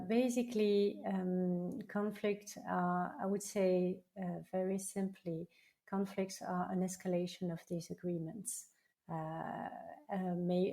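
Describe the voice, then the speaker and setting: Mellow-voiced female coach, thoughtful. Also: fairly low pitch. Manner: thoughtful, hesitant with fillers. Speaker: guest, leadership coach. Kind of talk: podcast interview.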